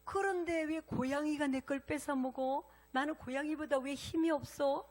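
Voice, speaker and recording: A woman's voice: high voice, moderate pace, darkish tone, pitched above the performer's own voice, lightly acted. A woman voicing a small, timid tiger cub who whines to its mother in a storybook-style sermon tale. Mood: tearful. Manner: whiny, plaintive, tearful pleading.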